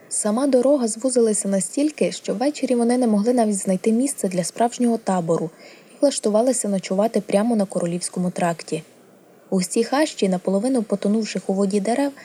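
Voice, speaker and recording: A woman reading a storybook aloud as narrator, with a steady, even storytelling delivery. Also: medium pitch, slightly rough. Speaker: audiobook reader. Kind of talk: scripted narration.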